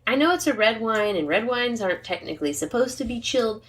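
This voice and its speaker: A woman's voice: a little high, lively intonation, fast talker. A woman co-hosting a podcast in casual, rambling chat, reading a wine label aloud. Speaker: podcast co-host.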